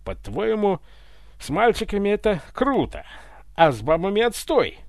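A shrill young man bellows in outrage, his voice climbing far above its usual level and swinging wildly in pitch, as a male narrator puts him on. He sounds startled and indignant, with a gravelly edge under the shouting, read for an audiobook. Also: wildly swooping pitch, brisk, no echo, full character voice. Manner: loud shouting, high strained voice. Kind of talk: audiobook character voice.

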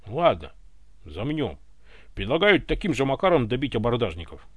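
A man voicing a stubborn, hot-tempered patrol commander in an audiobook, blunt and gruff. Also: medium pitch, very animated, normal speed, fairly bright tone, no echo, clean studio sound.

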